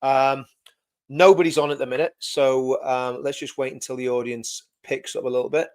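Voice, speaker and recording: This livestream host talks loudly and directly to his audience at a moderate pace, keeping a medium pitch and a steady tone. He tends to ramble, doubling up on words and fixing what he says midstream.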